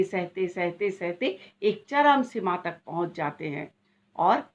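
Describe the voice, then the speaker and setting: A woman's voice: mid-range voice, a bit bright. A middle-aged woman vlogger telling her story in a dramatic, lamenting way, full of exclamations. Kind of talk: dramatic personal monologue. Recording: dull lo-fi recording.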